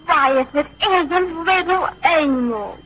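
A coy, sophisticated teenage girl in a vintage radio comedy. Her voice is very high and affectedly poised, on a dull, lo-fi recording. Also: expressive, slow pace, soft background music. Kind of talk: old-time radio comedy acting.

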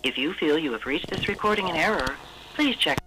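A woman's recorded phone system message plays during a payphone call. Her voice is lower, with a lot of melodic movement, and she speaks in a clear, measured way. A faint hiss from the line sits underneath. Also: animated. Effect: recorded announcement heard over a payphone call. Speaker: automated phone company announcement.

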